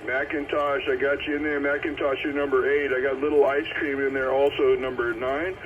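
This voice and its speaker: A man with a mid-range voice and level tone, speaking a little fast, hosts a roll call over CB radio. He calls out and confirms numbers in a repetitive, procedural fashion, the tinny, very noisy transmission thick with static and noise.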